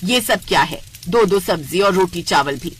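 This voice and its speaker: A woman voicing a sharp-tongued older mother-in-law who scolds and frets in a cartoon story. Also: lowish voice, expressive, moderate pace, a little hiss or hum, natural voice. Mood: scolding. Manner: scolding, nagging. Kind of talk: cartoon voice acting.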